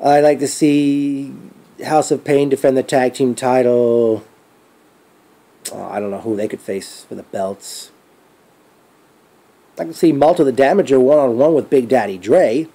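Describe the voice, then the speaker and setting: A man giving a casual spoken event recap as a fan, rambling and thinking aloud with trailing pauses. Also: mid-range voice, warm tone.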